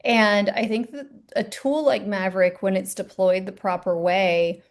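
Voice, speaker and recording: A woman co-presenting a training session, telling stories in a quick, animated way. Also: mid-range voice. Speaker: team leader and co-presenter. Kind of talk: casual training talk.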